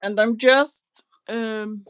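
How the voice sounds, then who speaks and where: A woman co-hosting a crafting livestream, agreeable and quick to laugh. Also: fairly high pitch, fairly even intonation, clear, resonant tone. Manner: warm, agreeable, laughs often. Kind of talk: casual chat.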